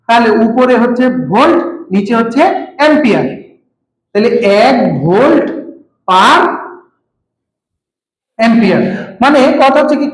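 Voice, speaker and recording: A male physics teacher gives a classroom lecture. He repeats key terms and keeps asking his students whether they follow. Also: extremely high pitch. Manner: patient, repeats key terms, asks checking questions. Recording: echoey room.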